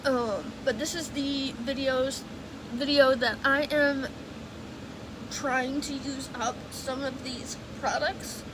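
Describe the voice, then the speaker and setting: A young woman vlogs casually from her bedroom, chatty and rambling, correcting herself as she goes, her nose stuffed up. Her voice is high, fairly even in intonation, and slow. A running AC and fan make loud noise in the background.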